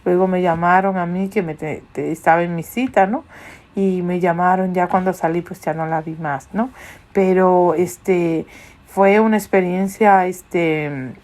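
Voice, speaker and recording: An earnest woman preaching and telling her own story, with a fairly low voice for a woman. She acts out the voices in her story as she preaches. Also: fairly even intonation, measured pace, darkish tone. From Latin America. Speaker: ministry leader. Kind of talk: sermon-style testimony.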